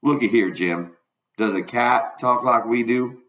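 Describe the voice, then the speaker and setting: A man's voice: medium pitch, unhurried, a bit bright, voice pushed up, close to an everyday voice. Man reading as Huck, plainspoken country boy, echoey. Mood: patient persuading. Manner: plain, colloquial, explaining. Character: plainspoken country boy Huck, patient, matter-of-fact explainer. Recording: roomy, echoing room.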